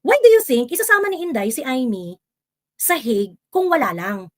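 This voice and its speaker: A woman's voice: high-pitched, big pitch swings, normal speed. A Filipino woman hosting a live stream, reading viewer comments and talking politics in a casual mix of Tagalog and English, full of fillers and exasperated asides. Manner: switches between Tagalog and English, many fillers, rising exasperation.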